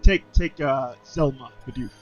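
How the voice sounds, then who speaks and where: A man's voice: medium pitch, measured pace, recorded from a distance, soft background music, poor audio. A man running a co-op game session as host, chatting casually, laughing often and stammering through restarts. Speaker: game master. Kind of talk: casual co-op game play with voiced dialogue.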